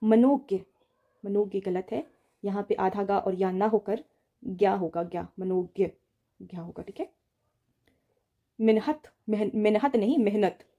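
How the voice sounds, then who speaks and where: A woman's voice: mid-range voice, measured pace, long pauses. A woman teaching an exam-prep Hindi spelling lesson, patiently repeating each word and often checking in with her students. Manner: addresses students directly, steady explaining tone.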